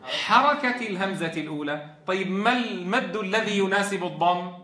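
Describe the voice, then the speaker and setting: High, bright-voiced male tajweed teacher. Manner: asks students questions and answers them himself; drags out example words slowly. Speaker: Quran teacher trainer. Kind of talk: tajweed lesson. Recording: echoey room.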